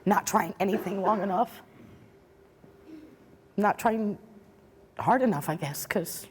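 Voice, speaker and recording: A middle-aged woman appears as a talk show guest, giving emotional testimony that is earnest and regretful, though she turns defensive when challenged. Her mid-range voice moves slowly, and a little hiss or hum can be heard.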